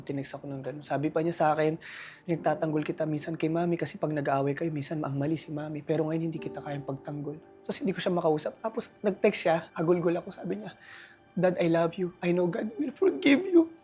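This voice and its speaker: A man's voice: fairly high pitch, steady tone, quick pace, mellow, faint music behind. A man as an interview guest, speaking earnestly and openly in an emotional confessional interview. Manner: earnest, confessional, pours out feelings.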